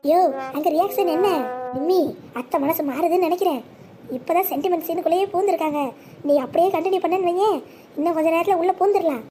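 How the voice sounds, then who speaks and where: Voice actor as sly greedy son-in-law, fawning, cartoon, squeaky sped-up voice, fast. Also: slight background noise. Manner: sly asides, fawning flattery.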